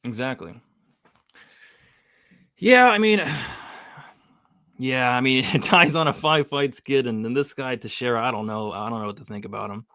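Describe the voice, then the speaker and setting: A man's voice: medium pitch, a little slow, long pauses, bright, forceful tone, dry recording, studio quality. A man hosting a live fight watch-along, chatty and hyped, reading the chat aloud. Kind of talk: casual live-stream chat.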